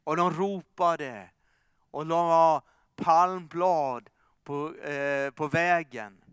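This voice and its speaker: Fervent preacher guy, high clear voice, loud calls then hushed bits, dry sound. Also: no room sound. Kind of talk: sermon.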